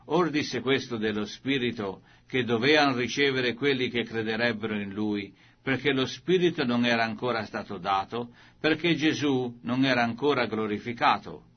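A man reads scripture aloud in a slow, measured, deliberate way. His voice is husky and mid-pitched. The recording sounds dull and lo-fi. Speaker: scripture reader. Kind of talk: scripted Bible reading.

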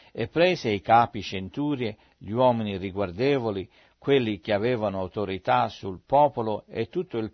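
A man reading aloud from the Bible in a measured, steady way. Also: lowish voice, no room sound. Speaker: Bible reader. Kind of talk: scripture reading. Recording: dry, slightly dull recording.

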